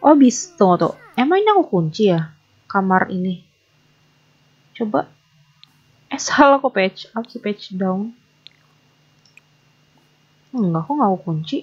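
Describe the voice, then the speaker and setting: A woman's voice: medium pitch, very animated, a little slow, long pauses, a little mellow, slightly rough, highs cut off. Flustered young woman narrating gameplay. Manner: chatty, flustered, talks to game characters. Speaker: gaming YouTuber. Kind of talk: casual gameplay commentary.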